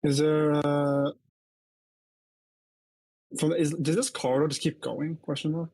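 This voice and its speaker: A man's voice: on the high side, flat delivery, measured pace, dark tone, slightly rough, no echo, rough recording. Man narrating his game moves, close and dry. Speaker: tabletop game player.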